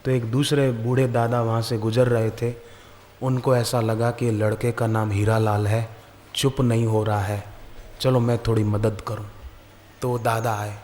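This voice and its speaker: A man giving a devotional sermon, telling lively stories and acting out their voices. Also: on the low side, measured pace. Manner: animated storyteller, acts out voices. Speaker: spiritual preacher. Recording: echoey hall, faint background noise.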